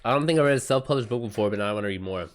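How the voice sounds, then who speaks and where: Racing along in a fairly low voice, an American livestream host fires off informal, slang-filled replies to viewer comments. He is also a self-published author.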